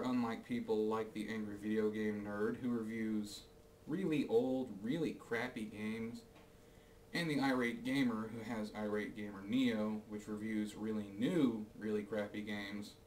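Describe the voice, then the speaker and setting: A man's voice: on the low side, a little slow, a little mellow, roomy sound, far from the mic, slight background noise, poor audio. Man with a box over his head. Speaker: game reviewer and host of the show. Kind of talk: casual scripted-style game review to camera and over gameplay.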